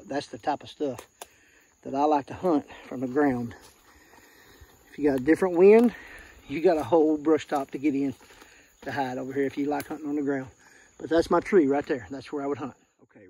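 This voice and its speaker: A man with a mid-range, dark-toned voice and an Arkansas Southern accent explains deer scouting as he walks the woods, casual, plain, and folksy, pointing out what he sees for a vlog. The field recording is rough, with faint natural sounds behind him.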